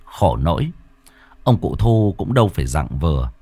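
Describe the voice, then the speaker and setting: A man narrating a scripted horror story with lively, dramatic delivery. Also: low-pitched, normal speed, gravelly, slightly rough, no echo. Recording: dry close voice, faint music.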